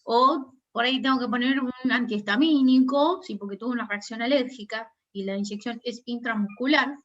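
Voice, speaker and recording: A woman with a Rioplatense Spanish accent and a slightly high voice gives an online nursing class lecture at normal speed, and the sound is lo-fi. Her manner is explanatory as she goes step by step, often using tag questions to check that students are following.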